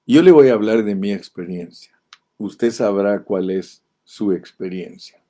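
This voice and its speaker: Older Guatemalan man preaching, mellow low voice. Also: measured pace. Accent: Guatemalan Spanish. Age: 70s. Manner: folksy storytelling, rising to impassioned appeals. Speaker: pastor. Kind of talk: sermon.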